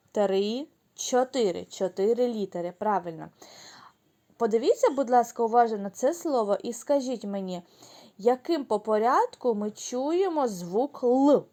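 A woman teacher leading a lesson for young children, speaking slowly and clearly, drawing words out syllable by syllable and praising the class. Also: a little high, dark tone. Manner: praising, answering her own questions.

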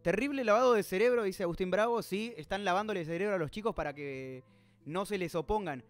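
Male host, high voice, reads a manga live and picks at the details; faint music bed. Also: quick pace. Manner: reads dialogue aloud, stops to puzzle over details; reads out chat comments. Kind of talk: reading a manga aloud with live commentary.

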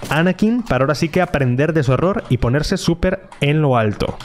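A man with a Mexican accent giving excitable live gameplay commentary to his chat, repeating words in bursts. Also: a little high, a little fast, a little hiss or hum. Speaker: gaming streamer.

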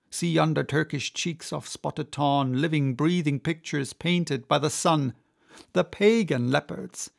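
A man's voice: fairly high pitch, creaky. A man voicing an obsessed, vengeful whaling captain in an audiobook, intense and declamatory. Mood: intense, coaxing.

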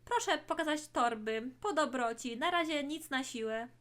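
A woman voicing a stern, authoritative police officer in a toy play story, speaking loudly and with command. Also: sits high, normal speed, noisy background, lightly acted. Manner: loud, commanding.

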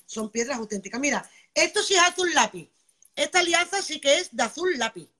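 Live-stream seller, woman from Spain, bright and fairly high, chatty and nonstop. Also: lively intonation, fairly quick. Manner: chatty, keeps asking "vale", greets viewers by name. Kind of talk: live-stream sales pitch.

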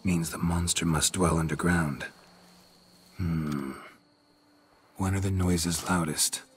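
An actor playing a gruff, world-weary monster hunter who speaks in terse, dry, sardonic lines. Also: male voice, deep voice, steady tone, slow, a little hiss or hum. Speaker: witcher taking a contract.

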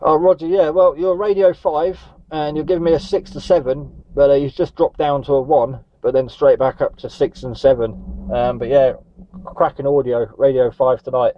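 Over dull, muffled radio audio, a Northumberland man chats amiably with a contact, using CB radio jargon. He speaks at a medium pitch, steady and at a normal pace, in a dry recording.

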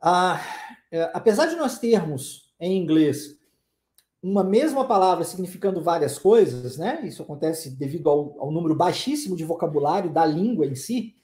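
Emphatic man teaching, lively echoey delivery. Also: fairly high pitch, moderate pace. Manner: emphatic, tags sentences with tá and né. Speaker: English teacher. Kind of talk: online class lecture.

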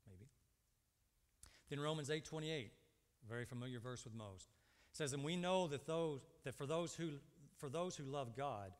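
At a moderate pace and medium pitch, a man in his fifties preaches forcefully at a lectern inside a church. He repeats himself and keeps asking the congregation brief rhetorical questions that he then answers, his words echoing around the hall.

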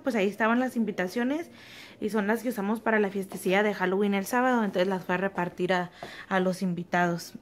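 A woman's voice: fairly high pitch, a little hiss or hum. A young woman, chatting casually to her viewers in a home kitchen vlog. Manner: chatty, talks to viewers as friends. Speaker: vlogger.

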